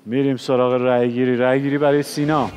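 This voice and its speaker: Host, male, mid voice, brisk announcer, clear music behind. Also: mid-range voice, level tone. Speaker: game show host. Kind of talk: moderating a party game. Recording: studio with music underneath.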